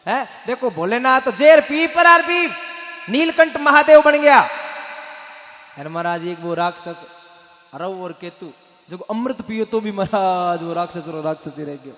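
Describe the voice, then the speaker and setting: A man with a Rajasthani accent telling a devotional story, alternating sung bhajans with animated preaching to a crowd. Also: sits high, unhurried. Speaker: religious storyteller. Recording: echoey hall with music.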